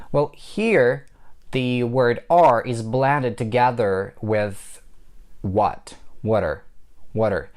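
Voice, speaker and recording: Russian accent guy teaching english, says the example phrases over and over slowly. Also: medium pitch. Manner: slow, repeating example phrases for practice. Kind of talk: language lesson.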